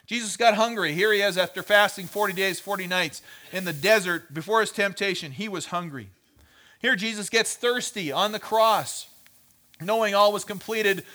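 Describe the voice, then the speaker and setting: A pastor teaches a sermon conversationally in a high, pushed and bright voice, often checking in with his listeners and repeating words as he thinks aloud.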